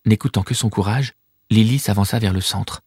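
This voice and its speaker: Low-voiced male audiobook narrator. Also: moderate pace, a little mellow, slightly rough, dry recording, studio quality.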